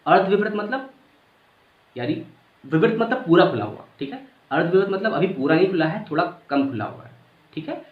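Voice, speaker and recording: A man gives a relaxed grammar lesson, sounding out vowels and checking in with his students. His slightly high voice swings up and down as he explains. The recording sounds dull and lo-fi, with an echoey room around him. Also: a little fast, pauses often. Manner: casual, repeats points, checks understanding. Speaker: teacher.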